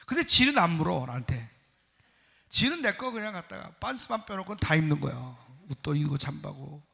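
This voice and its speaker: High-voiced gravelly pastor preaching hard, big church echo. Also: male voice, big pitch swings, fairly quick. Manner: fervent, shifts between quiet asides and loud proclamations; acts out quoted voices in dialogue. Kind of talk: sermon. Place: church sanctuary. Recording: long church hall reverb.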